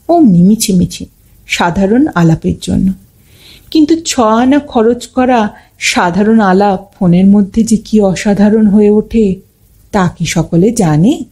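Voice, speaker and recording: Woman, classic story narration, mellow dark tone, gentle shifts for dialogue. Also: slightly rough. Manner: gives the characters' dialogue small shifts of pitch and pace.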